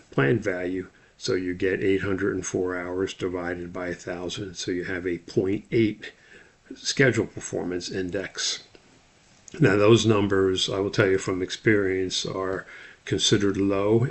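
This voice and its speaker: Over a slide screen recording, a man with a deep, gravelly voice gives an instructional lecture, methodically explaining things step by step as he talks through the slides.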